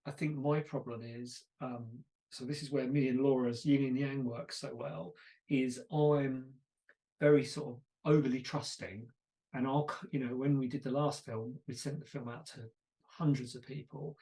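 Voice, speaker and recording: A man's voice: mid-range voice, fairly even intonation, normal speed, mellow. A man hosting a podcast, chatting casually and telling stories with self-deprecating asides. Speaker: podcast host. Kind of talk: casual conversation.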